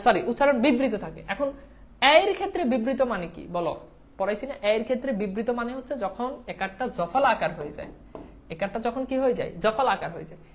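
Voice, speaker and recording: A woman teaching an exam-prep lesson, asking questions and answering them herself. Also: on the high side.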